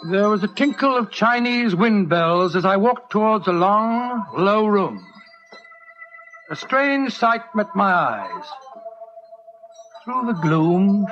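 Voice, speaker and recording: A man's voice: sits high, fairly bright tone. An actor playing a genial older British doctor, avuncular and wordy, recounting his adventures in a 1940s radio drama. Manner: avuncular, wordy, old-fashioned diction. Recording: muffled, noisy 1940s radio recording.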